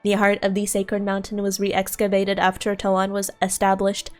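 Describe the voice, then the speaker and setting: A woman voicing an overheating, failing ancient robot servant in a game, solemn and halting, as if shutting down. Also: medium pitch, monotone, natural voice. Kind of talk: reading game dialogue aloud in character. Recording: game music under the voice.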